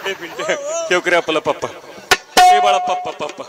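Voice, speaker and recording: A man's voice: high voice, wildly swooping pitch, normal speed. A man performing a comic folk piece, voicing a boastful, doting village mother who coos and coaxes her oversized grown baby. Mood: doting, teasing. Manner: cooing, coaxing, sing-song calls. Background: tabla and folk music.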